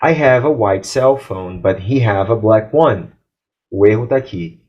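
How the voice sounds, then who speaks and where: Brazilian guy explaining english grammar, kinda husky low voice, slows down for the examples. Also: lively intonation, muffled recording. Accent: Brazilian Portuguese. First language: Portuguese. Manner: clear, explanatory, reads English examples slowly. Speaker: English teacher.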